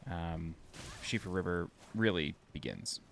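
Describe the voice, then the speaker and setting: A man with a New York accent narrates his gameplay in a loose, chatty way, thinking aloud and poking fun at himself. His voice sits low with a gravelly edge, and he sounds a little tired. Faint noise hums under the recording. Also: animated, a little slow. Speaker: game walkthrough narrator. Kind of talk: casual gameplay commentary.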